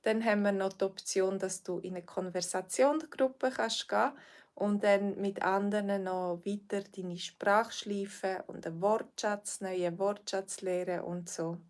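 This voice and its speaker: This woman from Switzerland speaks with a Swiss accent in a medium-pitched, steady, slightly mellow voice, a little on the slow side. As a language teacher on a livestream, she answers viewer questions in a warm, hesitant way, using many fillers.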